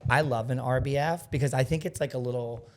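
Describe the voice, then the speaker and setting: A young man who works as a hairdresser, guesting on a podcast, playful and sassy with quick quips. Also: medium pitch, fairly even intonation, a little mellow. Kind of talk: casual chat. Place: podcast studio couch.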